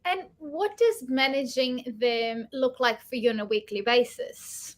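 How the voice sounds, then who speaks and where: A woman's voice: sits high, animated, measured pace. A woman hosting an online masterclass, introducing speakers in an enthusiastic, gushing way. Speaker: webinar host.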